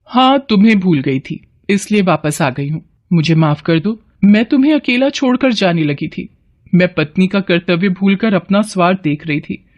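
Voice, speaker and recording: A woman's voice: fairly low pitch, lively intonation, moderate pace, a little mellow, lo-fi sound, natural voice. A woman voicing a weary, fed-up village wife in a cartoon, complaining and pleading. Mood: remorseful. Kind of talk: cartoon voice acting.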